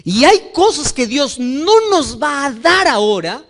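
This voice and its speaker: A male pastor delivers a sermon in a very high voice that climbs and falls widely. He puts questions to the congregation and slows right down on the phrases he wants to land. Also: very animated, creaky, fairly bright tone. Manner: preaches to a congregation, asks them questions; acts out quoted voices in a raised pitch.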